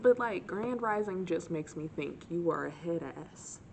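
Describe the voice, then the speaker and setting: A young woman with a lowish, gravelly voice, chatting straight to camera. She tells her stories with sarcastic, animated flair. A faint hiss sits under the recording. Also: normal speed. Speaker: vlogger. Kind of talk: casual storytime chat.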